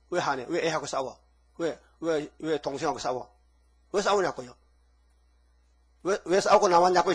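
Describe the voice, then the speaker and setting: A man with a husky voice preaching a sermon emphatically, firing off rhetorical questions at the congregation. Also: a little high. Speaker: pastor.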